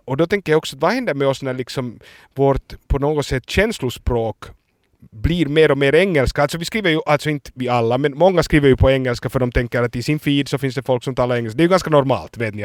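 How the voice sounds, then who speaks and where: A man's voice: medium pitch, dry recording, clean studio sound. A Finland-Swedish man in a podcast chat who thinks aloud and searches for words. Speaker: podcast co-host. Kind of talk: casual chat.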